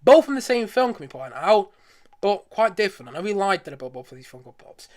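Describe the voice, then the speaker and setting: Hosting a casual live stream to show off his collection, a high-voiced man talks rapidly with enthusiasm. His sing-song, slightly mellow delivery rambles, and he keeps circling back to repeat his points.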